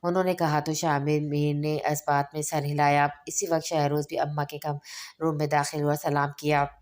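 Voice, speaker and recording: A woman narrating a romance novel in a steady, even audiobook reading. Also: low voice, normal speed.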